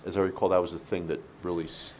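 A man speaking as a board member in a meeting, thinking aloud and haltingly as he questions a presenter. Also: little pitch movement, a little mellow. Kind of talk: meeting discussion. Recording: low background noise in a meeting.

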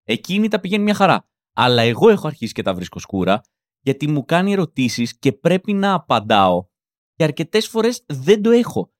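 A man's voice: fairly high pitch, no echo. Comedian guy in his 30s riffing on his own podcast, voice all over the place, self-mocking, dead dry sound. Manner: animated, rambling, self-mocking, acts out quotes. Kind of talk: comic monologue.

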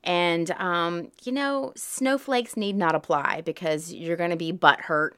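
A woman in her forties with a Southern US twang talks openly in an interview about her time abroad. Her voice is smooth and resonant and sits slightly low, and she laughs easily between her lines. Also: a little slow, fairly bright tone. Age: 40s. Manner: chatty, laughs often, candid. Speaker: interviewee, high school math teacher. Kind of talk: casual interview.

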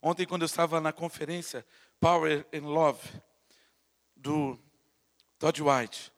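A man with a Brazilian Portuguese accent preaching a sermon with fervor, swinging from loud to hushed and stammering as he builds his points. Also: on the high side, fairly even intonation, slow pace, big-room sound. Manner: stammers and repeats words while building to a point. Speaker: pastor.

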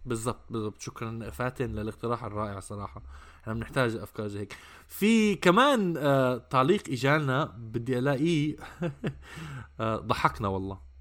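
Male podcast host, Levantine Arabic accent, quick casual delivery, informal with some English mixed in. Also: mid-range voice, lively intonation, fairly bright tone. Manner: informal, mixes in occasional English words. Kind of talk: casual conversational podcast chat.

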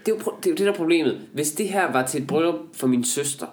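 A young man in casual comic chat, rambling with animated, exasperated exaggeration. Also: a little high.

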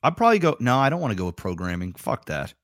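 A man in his thirties co-hosting a casual podcast, talking in a laid-back, drawn-out way with plenty of swearing. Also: medium pitch, big pitch swings, fairly bright tone, dry recording, studio quality. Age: 30s. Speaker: podcast co-host. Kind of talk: casual chat.

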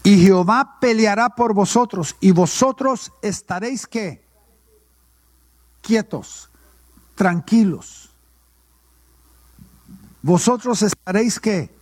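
A man's voice: high-pitched, animated, slow, pauses often, no room sound. A male pastor, preaching a sermon and asking questions that he answers himself. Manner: call-and-response preaching, asks and answers his own questions.

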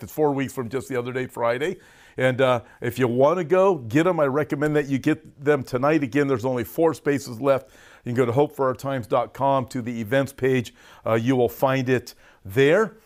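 A mid-range, darkish voice belongs to an American pastor hosting a prophecy update online. Still recovering from a cough and sucking on a lozenge, he preaches in a folksy, informal sermon style, speaking straight to listeners with emphatic stresses.

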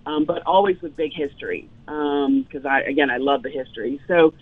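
Her voice low and husky, a fifty-something chef from Louisiana in the US South tells lively stories fairly quickly as a guest in a casual interview. She says um a lot. The recording is dry, like a tinny phone line.

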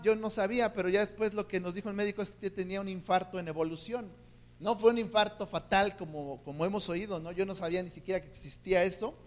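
A middle-aged Mexican man with a fairly high voice preaches a sermon built on a personal testimony. He talks in halting bursts, often repeating words before pushing on, earnest and heartfelt. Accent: Mexican Spanish.

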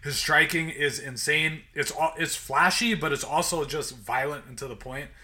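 A man's voice: on the high side, moderate pace, sharp tone. A man co-hosting a podcast in laid-back casual chat, recorded inside a small closet. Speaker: podcast co-host.

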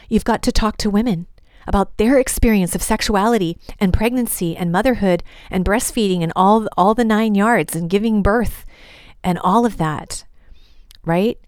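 A woman, a religious sister, giving a lively podcast teaching talk, emphatic and quick to laugh, posing questions and answering them herself. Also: medium pitch, no echo, clean studio sound.

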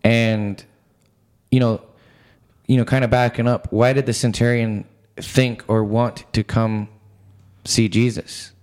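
A man co-hosting a casual Bible discussion, relaxed and conversational, thinking aloud as he talks. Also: mid-range voice, takes it slowly, pauses often. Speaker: Bible study podcast co-host.

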